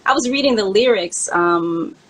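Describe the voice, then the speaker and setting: A woman with a mid-range, expressive voice speaks at a moderate pace. Counting down her favorite songs as host and memoir author, she falls into candid personal reminiscing during a casual chat.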